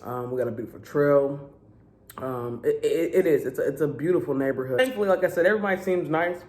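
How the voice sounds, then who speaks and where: A woman hosting a casual eating vlog at home, telling stories with an animated, drawling, laughing manner. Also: low voice, fast. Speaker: vlog host. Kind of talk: casual chat while eating. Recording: echoey room.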